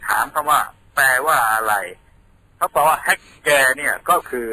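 A man's voice: on the high side, normal speed, pushed and bright, breathy edge, low-quality recording. A man from Thailand, a radio guest patiently explaining things in a studio, telling them like a story.

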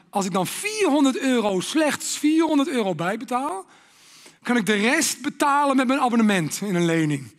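A man's voice: high-pitched, long reverb tail. A Dutch man preaching a sermon, dramatic, acting out inner voices and dropping to whispers.

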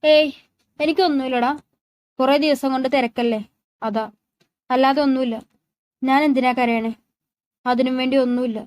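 A woman's voice: high-pitched, steady tone, moderate pace, pauses often, darkish tone, smooth, no room sound, clean studio sound, close to an everyday voice. A woman voicing a sad young woman who hesitates and brushes off concern while hiding her hurt, in a narrated love story. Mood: hiding sadness.

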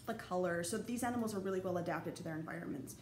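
In an echoey room with faint background noise, a young college anthropology instructor lectures over slides in a casual, rambling way full of fillers and restarts. She talks fast, with a voice on the low side.

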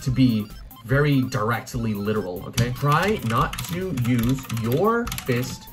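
A South Korean man in his twenties, a YouTuber who teaches Korean, speaks at medium pitch, animated but a little slow. Working through a language-learning app in a small room at night, he exclaims at his own mistakes while music plays in the background.

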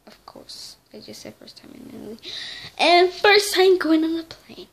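In a small, dim bedroom, a young teen vlogger chats to her close-held camera in an extremely high, expressive, somewhat creaky voice at normal speed. She rambles and corrects herself along the way, and there's slight background noise.

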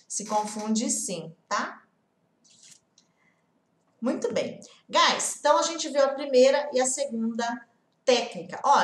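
A woman's voice: a little high, reverberant. A young Brazilian woman with a Portuguese accent from the interior of São Paulo state, teaching English in a casual online lesson. She talks patiently and often checks in with the viewer.

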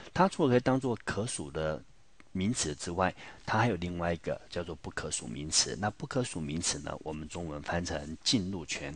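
A man with a very low, deep voice and a Taiwanese Mandarin accent teaches English words in a classroom-style lesson. He explains patiently and keeps asking his students rhetorical questions. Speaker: high school English teacher.

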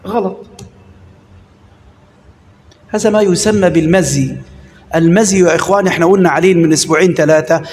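A man with an Egyptian accent teaching religious law to a congregation, switching between slow recitation and quick colloquial asides, questioning his listeners. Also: high-pitched. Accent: Egyptian Arabic. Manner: lively, shifts between slow recitation and rapid colloquial asides, calls on the audience. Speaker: sheikh teaching Islamic jurisprudence. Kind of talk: Egyptian colloquial lesson-sermon. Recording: echoey hall with long reverb.

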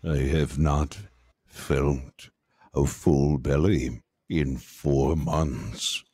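A man playing a creepy, starving Wild West mortician in game roleplay, with a deadpan, deliberate, formal delivery and a husky voice. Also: no echo, clean studio sound, heavily acted. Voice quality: very deep, husky. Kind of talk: improvised game roleplay in character.

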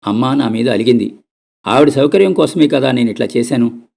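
A man's voice: medium pitch, animated, a little fast, creaky, a little mellow. A man voicing a worried middle-aged daughter in a read-aloud story, speaking in a coaxing, pleading way.

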